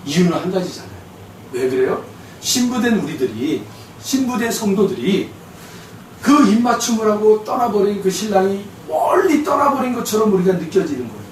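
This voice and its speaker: A man preaches a sermon, his fairly high voice rising into loud, drawn-out calls and dropping into quiet asides. He sounds distant from the mic, and the church around him rings with heavy echo. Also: sing-song, slight background noise. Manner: swings between loud preaching and soft asides to the congregation. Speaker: pastor. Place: church sanctuary. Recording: very echoey, distant church recording.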